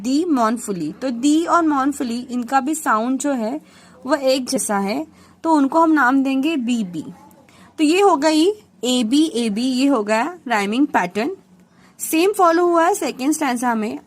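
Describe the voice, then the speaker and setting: A woman teacher from Mumbai with a Mumbai accent, explaining a poem step by step and mixing English terms into her Hindi. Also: high voice.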